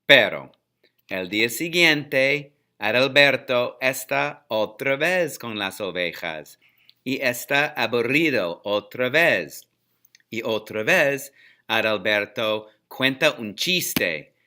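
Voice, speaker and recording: A man narrating a very simple story for language learners, pausing between short, clear sentences. His voice is bright and his pace unhurried, with plain, mid-range pitch. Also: lively intonation. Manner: slow, clear, repetitive.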